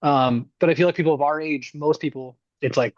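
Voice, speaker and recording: A man guesting on a podcast, chatting about film awards in an opinionated, animated way and swearing casually. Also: on the high side, fairly quick, no echo, muffled recording.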